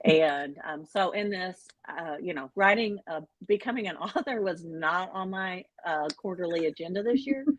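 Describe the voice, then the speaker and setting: A middle-aged woman health coach and author, chatting in an interview in an animated, self-deprecating way with many fillers. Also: lowish voice, normal speed, few pauses, a little hiss or hum. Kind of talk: casual interview chat.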